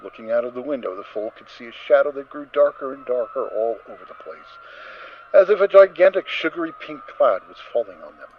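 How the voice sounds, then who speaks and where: This man narrates a story dramatically and theatrically, keeping a brisk, expressive delivery. His pitch sits in the middle range but moves freely with the telling. Faint noise and a slightly muffled quality mark the recording.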